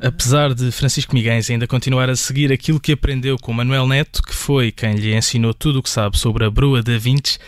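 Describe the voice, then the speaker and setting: Measured man radio reporter. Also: medium pitch, fairly even intonation, dry recording. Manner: measured, reads narration.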